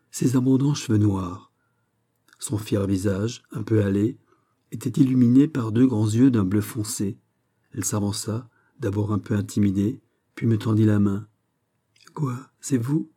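Man, storybook narration, very dark mellow tone, lowish voice, measured reading. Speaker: audiobook reader. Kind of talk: literary narration.

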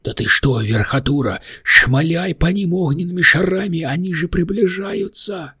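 Мужик изображает мелкого мохнатого демона, визгливый, дразнится, хрипловатый. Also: male voice, normal speed, husky, dry recording, studio quality, heavily acted. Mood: excited. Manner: squeaky, excitable, teasing. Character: small furry male demon, mischievous prankster.

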